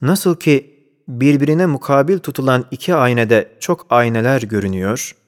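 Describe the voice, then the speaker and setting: A man reading a scholarly religious commentary aloud, measured and deliberate, reciting Arabic phrases within the text. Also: mid-range voice. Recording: long hall reverb.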